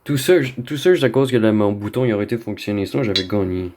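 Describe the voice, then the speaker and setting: Background noise sits under a Québécois man's lowish, fast-talking voice as he records a gaming video. His commentary is casual and rambling, slangy, with English slang dropped in.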